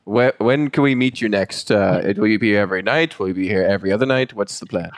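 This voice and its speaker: A man playing a tabletop role-playing game, speaking in a playful, lively manner. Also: on the low side, fast, no echo. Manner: lively, playful, laughs often. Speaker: player. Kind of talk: tabletop role-play in character.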